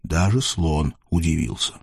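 A man narrating a folk tale in a lively, sing-song storytelling manner. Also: extremely low pitch, a little slow, gravelly, slight background noise.

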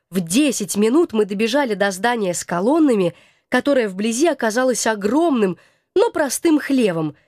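A woman's voice: fairly high pitch, darkish tone, dry recording, clean studio sound. A young woman narrating a first-person audiobook in a wry, ironic way.

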